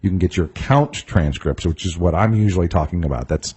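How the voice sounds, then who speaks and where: A man's voice: low voice, fairly quick, a little mellow, slightly rough. A middle-aged man, a tax attorney hosting a radio talk show, explaining things in a casual way with wry asides.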